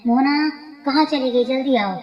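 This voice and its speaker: An enraged middle-aged father from a storybook tale, scolding hard, voiced by a woman. His voice sits higher than expected and rings in an echoey room, with a muffled, dull sound. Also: moderate pace, close to an everyday voice. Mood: angry. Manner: furious, scolding.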